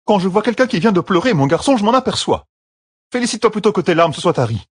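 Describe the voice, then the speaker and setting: A man's voice: sits high, expressive, quick pace, husky, no echo, clean studio sound, voice pushed up. A man doing a scolding elder with a thick rural drawl.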